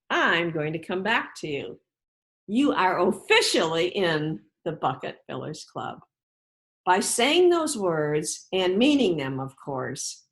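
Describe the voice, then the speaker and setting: Her fairly low voice reads to children, and she talks to them directly too. The author's delivery is encouraging and instructive, each phrase deliberate and emphatic.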